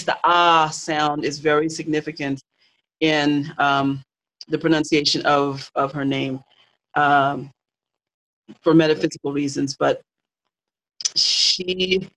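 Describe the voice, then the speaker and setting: A host of a live talk, explaining spiritual lore in a teaching way, pausing and restarting often. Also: medium pitch, fairly bright tone, low-quality recording. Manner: explanatory, with many fillers and restarts.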